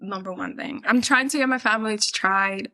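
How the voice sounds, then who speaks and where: A woman's voice: medium pitch, a little fast, sharp tone. A woman from the Dominican Republic chatting casually on a podcast as a guest, laughing often and filling with "like". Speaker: guest, production team member.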